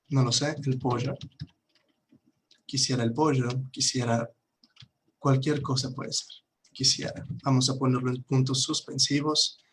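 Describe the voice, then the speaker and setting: A man's voice: mid-range voice, a little hiss or hum. A man teaching an online language lesson, patiently repeating words for his students to drill. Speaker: English teacher.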